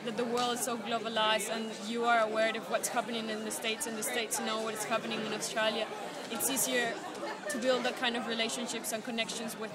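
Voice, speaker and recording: Young woman, fairly high but flat voice, keeps restarting, loud crowd noise behind. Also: brisk, hardly any pauses. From Peru. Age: young adult. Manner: hesitant, searching for words with many restarts. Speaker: conference volunteer and student. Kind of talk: interview answers.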